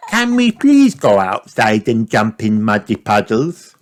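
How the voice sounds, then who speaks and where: A man voicing an excitable, eager little girl piglet in a children's storybook. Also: on the low side, unhurried, pitched above the performer's own voice. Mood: excited, eager. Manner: eager, exclaiming, pleading.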